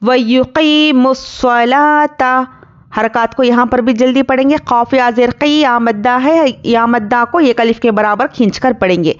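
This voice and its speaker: Explaining tajweed rules one word at a time, a patient woman teacher breaks off to recite every phrase slowly and at length. Her voice is smooth, clear, and sits fairly high, though the audio is dull and lo-fi.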